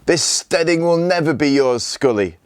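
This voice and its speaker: A man voicing an angry, defiant young Viking boy who shouts his words in a raised, strained voice. He reads this boy inside a storybook reading. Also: fairly high pitch, expressive, normal speed, smooth, no echo, clean studio sound, pitched above the performer's own voice, close to an everyday voice. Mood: furious defiant. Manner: shouting in fury.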